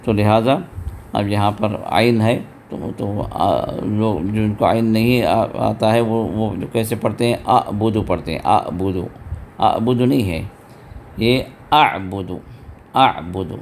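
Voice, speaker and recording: A man teaching a tajweed lesson, patiently explaining step by step and chanting verses slowly and drawn out. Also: lowish voice, fairly even intonation, vocal fry, a little mellow, slight background noise. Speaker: Quran recitation teacher. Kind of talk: tajweed lesson with recited examples.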